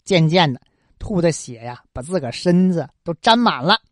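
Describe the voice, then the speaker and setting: A woman narrating a folk tale in an expressive, colloquial way with frequent interjections. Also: fairly low pitch, moderate pace, no room sound, clean studio sound. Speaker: storyteller.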